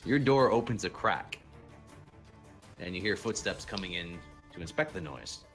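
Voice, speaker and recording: A relaxed male game master narrating a tabletop game, chuckling and using fillers as he goes. His voice is very low. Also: normal speed, soft background music.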